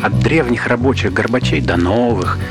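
A man's voice: mid-range voice, lively intonation, moderate pace, lightly acted. A man performing observant, lyrical literary narration of seafaring life in a drama. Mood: measured, descriptive. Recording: loud music behind the voice.

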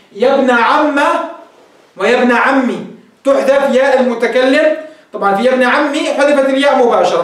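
Guy teaching grammar, really high voice, talks fast, quizzes the class. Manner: explains step by step, quizzing students. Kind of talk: classroom lecture. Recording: echoey room, voice from far off.

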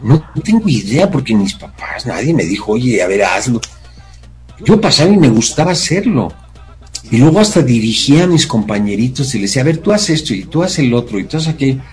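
A middle-aged man with a Mexican Spanish accent tells stories on a talk show. His voice sits at a medium pitch and grows lively as he acts out other people's lines. Music plays behind him. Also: brisk, low-quality recording. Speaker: guest. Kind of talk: casual storytelling chat.

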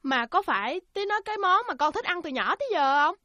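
Woman doing a whiny sick boy, very high, bright, dry. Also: lively intonation, fast, no room sound, exaggerated voice. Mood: pleading. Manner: whiny, pleading. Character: sick young boy who craves frog meat.

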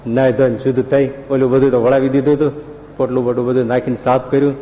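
A man preaching a storytelling sermon, lively and animated, rising to loud peaks. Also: mid-range voice, a little hiss or hum. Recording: reverberant hall, dull lo-fi sound.

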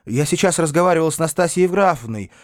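A man's voice: fairly high pitch, lively intonation, fast, no echo, clean studio sound, voice pushed up, lightly acted. A man playing an eager young nephew. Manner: eager exclamations. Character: eager young male nephew, impulsive and enthusiastic. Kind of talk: audiobook character reading.

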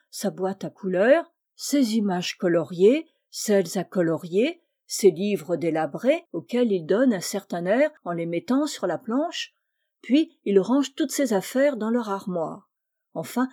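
Female audiobook narrator, mellow tone, expressive storytelling. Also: mid-range voice, slightly rough. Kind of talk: audiobook reading of a classic children's story.

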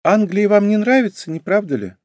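A man doing a gentle young court lady. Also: high voice, animated, brisk, dry recording, clean studio sound, voice pushed up. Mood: wistful.

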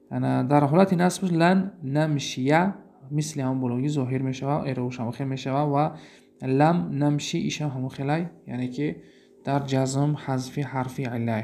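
Gravelly, mellow Tajik-accented male teacher. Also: fairly high pitch. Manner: explains step by step, asks and answers his own questions. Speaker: Arabic grammar teacher. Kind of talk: recorded lecture.

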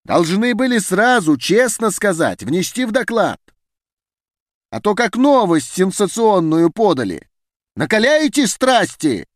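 An indignant male geneticist, voiced by a male audiobook reader, hurls his words in a high, animated voice. He sounds heated and declamatory, rising toward shouts, recorded close and dry. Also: measured pace, dry recording. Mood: defiant. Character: agitated male geneticist defying a meeting. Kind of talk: audiobook character voice.

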